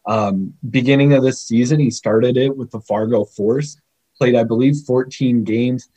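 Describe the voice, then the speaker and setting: Husky man talking hockey scouting. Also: mid-range voice, moderate pace, rough recording. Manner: animated, laughs often, chatty. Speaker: scouting guest. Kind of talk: podcast interview.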